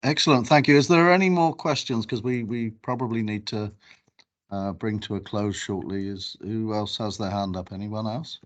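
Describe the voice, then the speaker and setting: Low-voiced man moderating a webinar. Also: normal speed, muffled recording.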